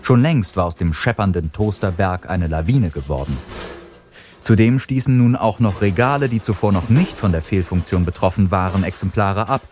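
A man narrating an audiobook in an expressive, dramatic way. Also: deep voice, normal speed.

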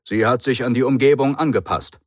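A man's voice: medium pitch, a little fast, dry recording, studio quality, voice pushed up, lightly acted. Man doing a stiff, clipped army brigadier. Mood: puzzled. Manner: clipped, formal, commanding. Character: stiff dutiful military brigadier, middle-aged man.

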